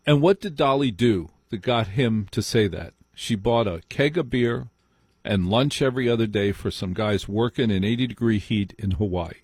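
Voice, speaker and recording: With a lowish, slightly rough and somewhat mellow voice, this New Jersey radio host takes live calls at a moderate pace, hammering points home by repeating phrases. The recording is dry.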